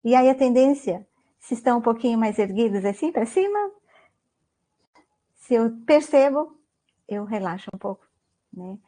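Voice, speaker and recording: Mellow-voiced Brazilian woman lecturing casually. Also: on the high side, expressive, normal speed, long pauses. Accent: Brazilian Portuguese. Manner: conversational, many "né?" tags, asks the audience questions. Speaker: guest lecturer on mindfulness. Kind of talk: online academic talk.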